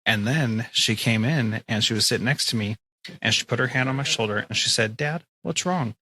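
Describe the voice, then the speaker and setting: A middle-aged man hosting a podcast interview, talking in an earnest, expressive way. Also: fairly low pitch, fairly quick, poor audio. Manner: earnest, expressive, animated when telling stories. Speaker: podcast host, school principal. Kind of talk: conversational interview.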